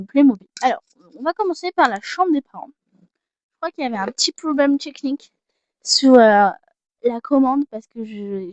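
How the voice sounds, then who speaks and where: The recording is dry with the highs cut off as a high-voiced teenage girl chats through a haul of her gifts. She's a casual vlogger who mocks herself and loses focus easily.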